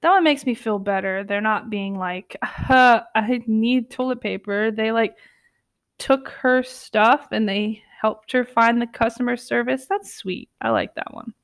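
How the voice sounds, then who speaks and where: A woman's voice: on the high side, unhurried, no echo, clean studio sound. Chatty, giggly young woman. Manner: chatty, giggly, lots of filler words. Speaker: channel host reading stories. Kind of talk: casual reading of online stories.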